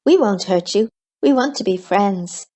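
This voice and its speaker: A woman voicing a kind young girl in a children's storybook, speaking softly and coaxingly. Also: mid-range voice, expressive, unhurried, voice pushed up. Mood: gentle. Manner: soft, coaxing.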